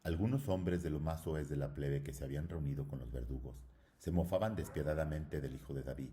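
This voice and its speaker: Very deep-voiced man reading solemnly. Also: warm tone, a little hiss or hum. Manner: solemn and measured. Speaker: audiobook reader. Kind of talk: dramatic literary narration.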